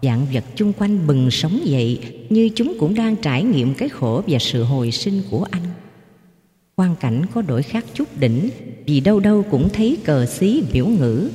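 An expressive storyteller whose pitch swings widely, in a mellow, dark tone. The reading rings in an echoey room with a long reverb tail. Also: normal speed. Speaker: narrator. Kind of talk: dramatic storytelling.

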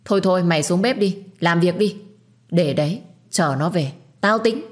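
Woman voicing a harsh storybook grandmother: loud, bossy, sharp-tongued. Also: fairly low pitch, normal speed, close to an everyday voice. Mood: scolding. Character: harsh, scolding old grandmother.

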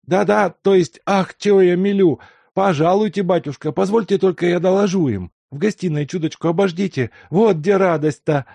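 A man's voice: high voice, moderate pace, creaky, a little mellow, dry recording, voice pushed up. A man voicing an old male servant who rambles on in tearful, chattering bursts.

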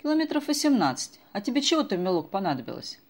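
A woman's voice: medium pitch, big pitch swings, fast, a little mellow, pitched above the performer's own voice. A woman voicing a chatty, kindly old village woman in an audiobook, with a folksy, sing-song way of talking. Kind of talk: audiobook character voice.

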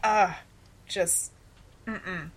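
Slow-talking woman in casual banter. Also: lowish voice, slightly rough. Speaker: podcast co-host. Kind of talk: casual banter about a sci-fi series.

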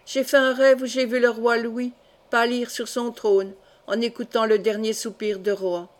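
A woman's voice: a little high, level tone, moderate pace, close to an everyday voice. A woman reading the part of a proud, grieving old count in a solemn, grave tone.

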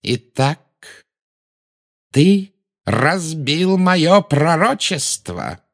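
A man voicing a cold, sinister male dark lord who speaks slowly and with quiet, silky menace, in an audiobook reading. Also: on the high side, very animated, pitched above the performer's own voice, exaggerated voice. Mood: menacing.

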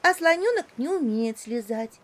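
A woman voicing an excitable little female monkey with squealing, surprised questions. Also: sits high, moderate pace, voice pushed up. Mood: surprised, teasing.

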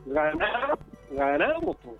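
Chilean male musician guest, slightly high, easygoing, halting; calls in on a tinny, choppy internet line. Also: huge pitch swings. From northern Chile. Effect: choppy internet call audio that cuts out. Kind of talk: casual chat over a call. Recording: tinny phone-like call line with faint music.

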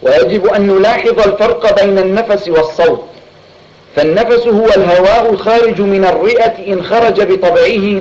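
A man, a student, reading a recitation lesson text aloud in an even, careful way. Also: sits high, lo-fi sound.

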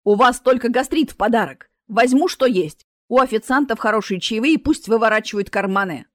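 A woman voicing a blustering male armed robber who barks loud commands. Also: a little high, brisk, dry recording, studio quality, lightly acted. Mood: snarling. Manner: barking, shouted commands.

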